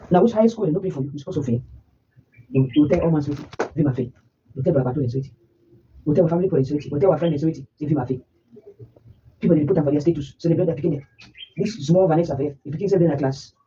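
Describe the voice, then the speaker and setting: A woman's voice: low-pitched, dark tone, distant mic, lo-fi sound, a little hiss or hum. A woman with a Nigerian Pidgin accent, a mother scolding her child in a heated family argument. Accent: Nigerian Pidgin English. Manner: scolding, rapid and insistent.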